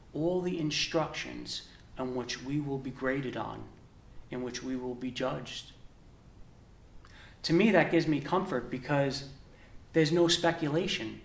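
A young deacon proclaims scripture and preaches in an earnest, measured way, leaning on deliberate pauses. His voice sits a little high for a man. The sound carries the echo of a small chapel, recorded from a distance. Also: vocal fry. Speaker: deacon and seminarian. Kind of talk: gospel reading and homily. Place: indoor chapel with a stone wall. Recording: echoey chapel room.

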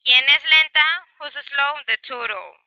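A woman's voice: high-pitched, slow pace, dry recording, lo-fi sound. A woman with a Mexican Spanish accent teaching an English grammar class, explaining patiently with many examples and switching between Spanish and English.

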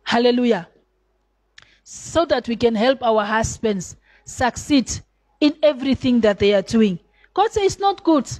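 Woman pastor, high voice, fervent sermon, swings loud to soft. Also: lively intonation, a little slow. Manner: preaching with strong rises and sudden drops in volume.

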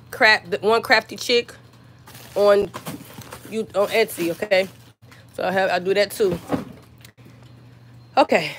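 A woman's voice: medium pitch, slight background noise. Sick woman chatting on a craft live stream. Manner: chatty, talks straight to viewers, many fillers. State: sick, scratchy voice. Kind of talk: casual live-stream chat and tutorial. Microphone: phone.

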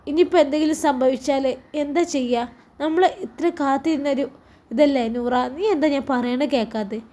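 A woman's voice: sits high, normal speed, warm tone, natural voice. A woman voicing a protective young husband who scolds and fusses, in a Malappuram Malayalam accent. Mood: worried. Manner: scolding, fussy.

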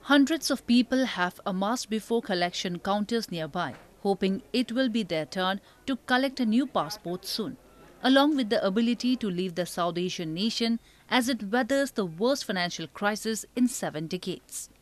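A female news anchor reading scripted headlines in a studio with a measured, formal delivery. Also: mid-range voice, lively intonation.

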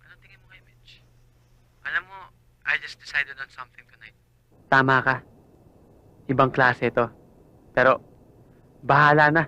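A man's voice: medium pitch, little pitch movement, normal speed, pauses often, sharp tone, clean tone, lo-fi sound, lightly acted. An actor playing an earnest man who confides in his cousin and asks for his opinion, in a film drama.

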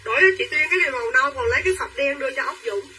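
Bright, pushy woman selling live. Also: high voice, distant mic, slight background noise, poor audio. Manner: quick and pushy, urging buyers to claim items. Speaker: livestream clothing seller. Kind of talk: live-selling chatter to viewers.

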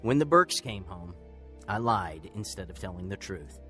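Over soft background music, this man's low voice moves at normal speed, expressive, pushed and bright. As narrator and lead actor of a scripted radio drama, he reflectively plays someone earnestly remembering his bitter, lonely youth.

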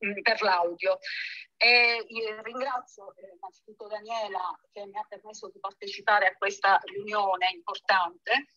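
A woman's voice: medium pitch, steady tone, a little slow, sharp tone, no echo. Lawyer lady on speakerphone in a video call, muffled dull sound, formal careful talk. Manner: formal, careful legal explanation. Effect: heard through a speakerphone. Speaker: lawyer and panelist. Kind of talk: formal talk in an online meeting. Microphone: phone on speaker relayed into a video call.

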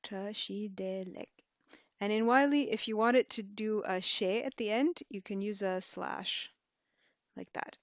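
A woman teaching a language in a screen-recorded tutorial, speaking in a relaxed, hesitant way and thinking aloud as she types. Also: mid-range voice, normal speed, dry recording, muffled recording.

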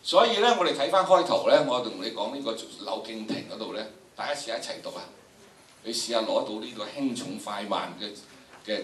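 An older man with a Hong Kong Cantonese accent runs a drama workshop, lecturing students directly in a theatrical, emphatic style and demonstrating dramatic recitations. His voice is fairly low and a bit bright. Recorded from a distance in a large indoor lecture room, the audio is echoey and noisy.

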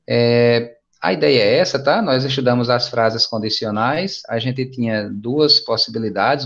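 A man with a Brazilian Portuguese accent leads an online English lesson, patient and encouraging in a relaxed, casual tone. His voice has a gravelly edge. The video-call audio sounds dull and lo-fi. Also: medium pitch. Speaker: English teacher. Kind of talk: online class teaching.

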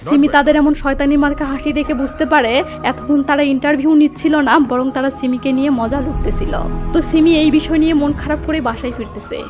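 Woman, slangy comic recap narrator, high voice, music bed under the voice-over. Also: a little fast. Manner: lively, slangy, joking asides. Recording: voice-over with loud background music.

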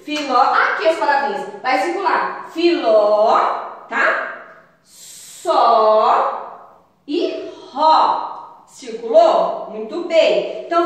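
A woman teacher giving a slow, encouraging remote lesson to young children. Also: sits high, a bit bright. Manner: slow, sing-song, encouraging. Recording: echoey room, distant from mic.

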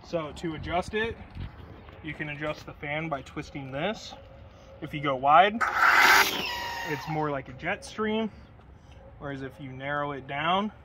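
A young car detailing vlogger reviews a pressure washer and foam cannon outdoors next to a car, filming on a handheld phone amid heavy background noise. His voice is fairly high, and he keeps things casual and chatty, cursing when he gets excited.

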